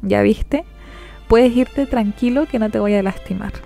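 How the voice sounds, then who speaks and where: A woman voicing a loyal, quick-tempered teenage boy who shouts threats in a storybook reading, her voice a little gravelly. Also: a little high, faint music behind. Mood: insistent. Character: loyal hot-headed teenage boy rival, quick to anger.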